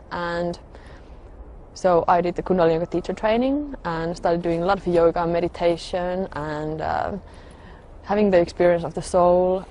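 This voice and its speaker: Woman telling her story, low-ish flat voice, lots of ums and pauses, reflective. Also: slight background noise. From Finland. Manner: hesitant, halting, with frequent pauses and fillers. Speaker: religious convert sharing her story. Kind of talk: personal testimony.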